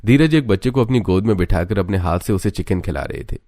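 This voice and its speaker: Low-voiced male storyteller. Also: fast. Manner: steady storytelling. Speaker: narrator. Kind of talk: scripted story narration.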